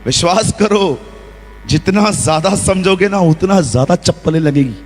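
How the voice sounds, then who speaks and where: A man preaching a lively sermon in a church, acting out quotes and scenes as he goes. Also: high-pitched, a little slow, faint music behind. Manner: lively preaching with acted-out quotes and role-play. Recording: long hall reverb.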